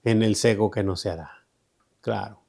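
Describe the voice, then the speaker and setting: A man's voice: on the low side, moderate pace, gravelly, warm tone. A man teaching an online Bible study in a conversational way. He often repeats himself and checks in with "¿verdad?". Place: online group meeting.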